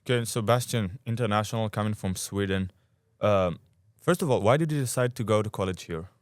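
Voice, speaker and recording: Young man, podcast host, lowish voice, dry close mic, conversational questions. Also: brisk, no room sound. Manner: scripted-sounding introductions, then conversational questions. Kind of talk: college sports podcast hosting.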